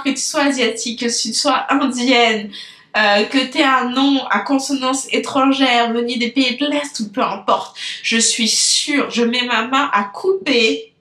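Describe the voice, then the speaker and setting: A woman's voice: fairly high pitch, fairly bright tone, echoey room. Chatty French woman with a rambling podcast monologue. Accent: French from France. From France. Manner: rambling, chatty, loses her thread and digresses; talks directly to listeners with frequent fillers. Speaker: business coach and podcast host. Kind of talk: unscripted casual podcast monologue.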